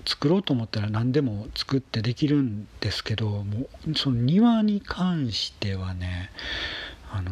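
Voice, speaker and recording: A man with a breathy, husky voice chatting casually about daily life in a halting, unhurried monologue, phrases trailing off softly. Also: mid-range voice, lo-fi sound.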